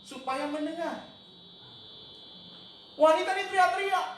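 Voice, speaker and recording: High-voiced preaching man in echoing church. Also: measured pace. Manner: emphatic preaching, mixing English words, shouting quoted cries. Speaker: pastor. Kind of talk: sermon. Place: church hall. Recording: very echoey church hall, mic at a distance, faint noise.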